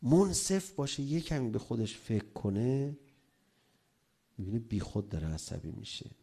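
A middle-aged cleric gives a religious talk on marriage in a middle-range, gravelly voice. He is animated, and his voice climbs as he acts out quarrels between spouses.

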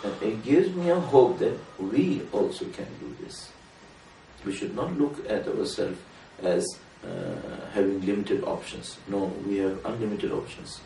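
A man with a fairly low voice delivers an earnest, measured sermon, pressing harder on key points. He sounds set back from the mic in an echoing room, with a faint hiss underneath. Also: vocal fry, warm tone. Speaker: religious speaker. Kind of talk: sermon to a small gathering. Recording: roomy room from a distance, faint noise.

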